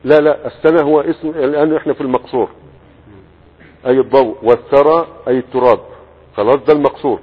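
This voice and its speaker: Egyptian sheikh, teaching classical grammar, husky tone, reverberant hall, narrow tinny recording. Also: male voice, medium pitch, fairly even intonation, quick pace. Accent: Egyptian Arabic. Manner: reads the text, then explains in colloquial asides with checks to students. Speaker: teacher of Arabic morphology. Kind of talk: classical text lesson. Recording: husky voice, echoey hall, phone-like band.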